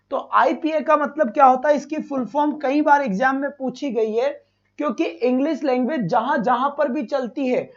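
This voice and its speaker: A man's voice: extremely high pitch, muffled recording. A man teaching a live online exam-prep lesson, asking his students questions, repeating each one and fondly calling them "beta".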